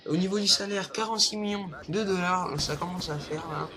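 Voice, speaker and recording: A man's voice: sits high, a little fast, sharp tone. A young man hosting a casual countdown vlog, hesitant, with lots of fillers and rambling asides. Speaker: vlogger. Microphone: low-quality home recording.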